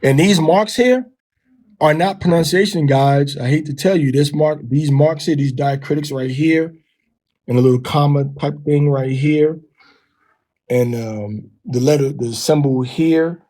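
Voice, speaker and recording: A man teaching from a text, sounding out syllables slowly and repeating them. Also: fairly high pitch, dark tone, poor audio. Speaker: teacher of a language lesson.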